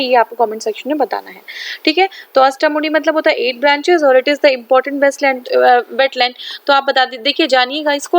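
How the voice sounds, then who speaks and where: Indian lady teacher w high voice, reads english lines slow then goes over it again in hindi, says thik hai a lot. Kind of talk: exam-prep lesson, Hindi mixed with English.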